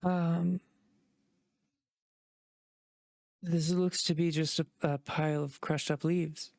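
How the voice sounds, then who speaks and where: A man voicing a sleepy, slender young male elf shopkeeper who talks in a halting, hesitant way. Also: fairly high pitch, flat delivery, gravelly, darkish tone, no room sound. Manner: hesitant and halting, full of ums.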